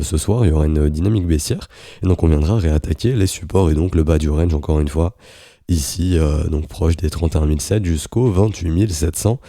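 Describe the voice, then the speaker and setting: Very deep, thick sore-throat male voice. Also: mellow, no echo, clean studio sound. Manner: halting, searching for words. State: sick with a sore throat, thick swollen-tonsils voice. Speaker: host of a daily crypto trading briefing. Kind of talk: informal spoken market commentary.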